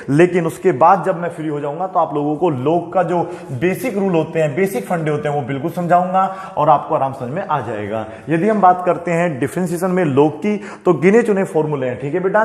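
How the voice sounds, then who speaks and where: A man's voice: on the high side, a little mellow. A man teaching a maths lesson, patient and repetitive, often checking in with his students. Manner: patient, repeats "okay, beta" to students. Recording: echoey room with long reverb.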